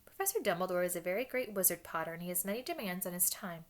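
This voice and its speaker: A woman's voice: on the low side, animated, fast, natural voice. Woman doing strict old lady professor, clipped and cold, storybook read-aloud. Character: stern strict older female professor.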